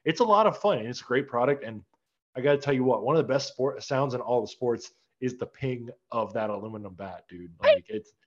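A man's voice: mid-range voice, lively intonation, fairly quick. Casting: young man, podcast host, easygoing rambler, slightly muffled lo-fi sound. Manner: laid-back, filler-heavy rambling. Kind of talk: casual sports chat. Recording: slightly dull lo-fi audio.

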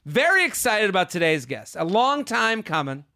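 A man's voice: high-pitched, very animated, normal speed, bright, forceful tone. A man hosting a comedy podcast with an exuberant, repetitive, self-hyping manner, talking casually to his listeners. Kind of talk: high-energy podcast intro, casual plug to listeners.

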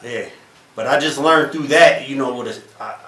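A man's voice: mid-range voice, moderate pace, sharp tone. A man in his thirties, a stand-up comedian guest, talking casually in a laid-back drawl full of slang. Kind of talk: casual podcast chat. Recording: echoey room with faint noise.

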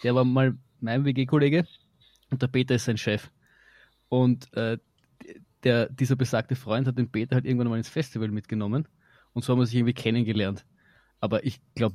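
An Austrian man of middling pitch who talks at a brisk clip. He is wry and casual, a podcast guest joking as he tells his stories. The sound is dry, with hardly any room on it. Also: fairly even intonation, darkish tone, no echo. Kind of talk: casual chat.

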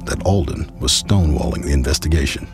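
Very deep, gravelly male documentary narrator. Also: quick pace, music in the background. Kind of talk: scripted true-crime documentary narration.

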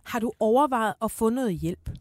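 A woman's voice: a little high, lively intonation, a little mellow, no echo. A woman hosting a radio show, asking probing questions in a careful, hesitant way with many fillers. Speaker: radio host. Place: radio studio.

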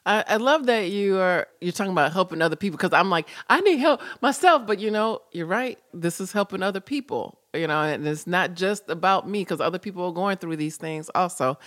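A woman's voice: on the low side, a little fast, few pauses, fairly bright tone. A woman hosting a podcast in casual chat, effusive and affirming with her guest. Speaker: podcast host.

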